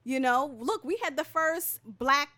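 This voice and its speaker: A woman guest author in casual interview talk, animated, often saying "you know what I mean". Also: sits high, unhurried.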